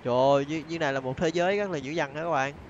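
Fast-talking excitable male gamer host. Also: a little high, muffled recording, slight background noise. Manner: excitable, repeats words, addresses viewers. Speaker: let's play host. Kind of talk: excited gameplay commentary. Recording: faint game music behind.

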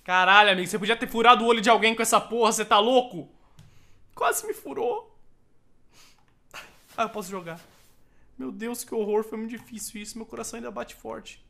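A gamer with a Brazilian accent giving let's play commentary, excitable and panicky, repeating phrases and swearing. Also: mid-range voice, brisk, creaky, long pauses. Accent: Brazilian Portuguese. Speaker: gameplay commentator. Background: game music.

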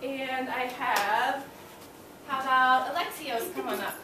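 Young female primary teacher, high voice, encouraging and instructive; distant mic with clear room noise. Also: takes it slowly. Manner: encouraging, instructing in simple short phrases. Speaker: elementary school teacher. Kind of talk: classroom read-aloud lesson for young children. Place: school classroom, indoors. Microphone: far camera. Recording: echoey classroom, distant camera, loud room noise.

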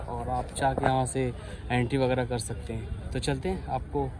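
A young man with a Lucknow Hindi accent, talking excitedly to viewers as he walks around with a handheld camera. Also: mid-range voice, moderate pace. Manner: excited, chatty, calls viewers bhai. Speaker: vlogger. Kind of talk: walking vlog, handheld. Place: outdoors by a stadium and in a crowded ticket hall. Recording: handheld camera amid loud crowd. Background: crowd and traffic noise.

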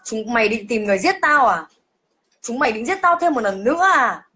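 A woman's voice: on the high side, animated, a little fast, bright, forceful tone. A woman voicing a vengeful ghost girl snarling. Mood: menacing. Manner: snarling through clenched teeth. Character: vengeful female ghost, young, hissing through teeth.

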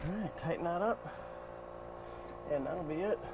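A creaky, somewhat high voice at a moderate pace belongs to a boat owner vlogger in his fifties. Squeezed into an engine room, he talks through a hands-on repair in a plain, practical way with fillers, thinking aloud while working. The action camera mounted there records very noisy audio, with the boat engine running.

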